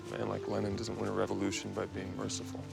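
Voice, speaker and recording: An actor playing a blunt, skeptical émigré dancer in a period TV drama. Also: male voice, fairly low pitch, completely flat delivery, fast talker, creaky, loud music behind the voice.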